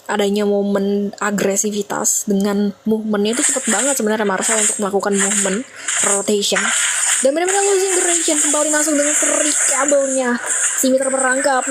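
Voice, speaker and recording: A woman's voice: high-pitched, background noise. A woman with an Indonesian accent casting a match live like a fighting game announcer, with dramatic exclamations and English gaming phrases mixed in. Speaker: esports shoutcaster.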